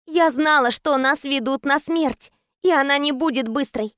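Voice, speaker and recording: A woman's voice: sits high, normal speed, a bit bright, no echo, clean studio sound. A woman narrating a tense first-person story as an audiobook reader.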